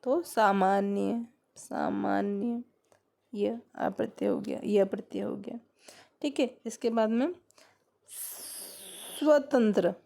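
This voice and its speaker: A woman teaching a grammar lesson at an unhurried pace, her voice a little higher than most. She breaks each word down step by step and keeps asking her students questions. A gravelly creak runs through her speech. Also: mellow.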